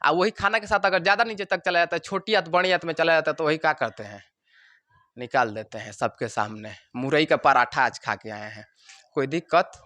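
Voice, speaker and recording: A man teaching a science class, animated and joking, acting out the parts of the body as little characters and checking again and again that the students follow. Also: on the high side, a little fast, no room sound. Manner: keeps asking if students understood. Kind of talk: classroom lecture.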